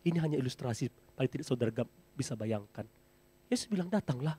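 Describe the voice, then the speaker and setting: A male pastor preaching a sermon in a church, speaking directly to his congregation and softening at the ends of phrases. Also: mid-range voice, lively intonation, fast, husky. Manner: addresses the congregation as brothers and sisters, drops to a soft close.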